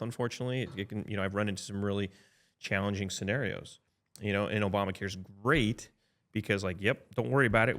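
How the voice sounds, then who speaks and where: A man of about fifty, an insurance advisor, explaining coverage in a relaxed podcast chat, often checking in with "right?" and restarting sentences. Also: fairly low pitch. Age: 50s. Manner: chatty, frequent "right?" tag checks and restarts.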